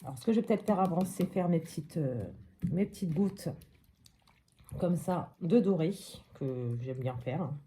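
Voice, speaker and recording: Mellow, low-voiced woman chatting through a craft. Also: lively intonation, moderate pace, a little hiss or hum. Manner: chatty, thinks aloud with frequent hop and voilà. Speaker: craft tutorial host. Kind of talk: casual step-by-step crafting tutorial.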